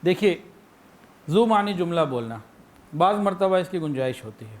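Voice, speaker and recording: A man's voice: high voice, animated, a little mellow. A man with a Pakistani Urdu accent delivering a sermon, illustrating his points with anecdotes and acted-out phrases. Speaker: preacher.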